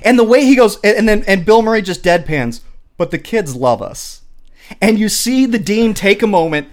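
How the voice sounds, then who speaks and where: A man's voice: high-pitched, fairly quick. A man talking casually and enthusiastically about a film script, often stumbling and repeating words as he explains. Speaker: podcast co-host.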